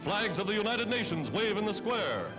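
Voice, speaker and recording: The recording is rough: a high, very animated male voice at normal speed delivers emphatic, declamatory narration for a 1940s wartime newsreel. The American narrator reads from a script, with fairly loud music underneath on the vintage soundtrack.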